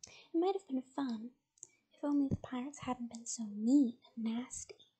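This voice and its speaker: A woman narrating a bedtime story in a soft, mostly whispered voice. She reads slowly, and her high voice has a mellow, dark tone. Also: slightly rough, rough recording.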